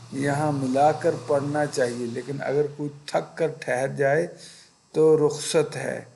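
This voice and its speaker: Male Quran teacher, patient and deliberate, with a gravelly rasp and faint noise behind him. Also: mid-range voice, a little mellow, poor audio. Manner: patient, deliberate, searching for words mid-sentence. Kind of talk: religious lesson, explaining step by step.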